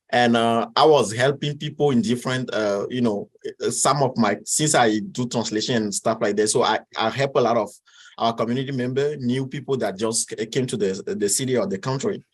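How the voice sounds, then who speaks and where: A guest from Togo, a man in his twenties, responds to interview questions in a voice on the low side. His Togolese French-accented answers come haltingly, with many restarts and filler words.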